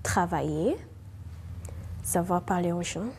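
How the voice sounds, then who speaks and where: Young woman talking really slow, lowish mellow voice, thoughtful. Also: slight background noise. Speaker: newcomer youth interviewee. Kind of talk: documentary interview.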